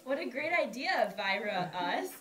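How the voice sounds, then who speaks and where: A woman's voice: a little high, big pitch swings, a little slow, crowd noise. A young woman student playing a scheming female car-thief virus in a class skit, with a hammy villain laugh. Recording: roomy classroom, distant mic, faint noise.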